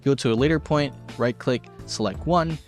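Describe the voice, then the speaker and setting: This man, the host of an art tutorial show, talks at a normal speed in a medium-pitched voice. His narration is casual, chatty, and self-deprecating, and background music runs beneath it.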